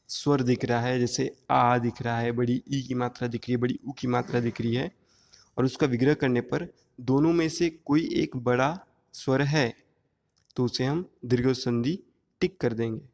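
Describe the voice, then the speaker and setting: A man's voice: mid-range voice, darkish tone. Man teaching with long hall reverb. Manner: explanatory, drawing out sounds one by one. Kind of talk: exam-prep grammar lesson.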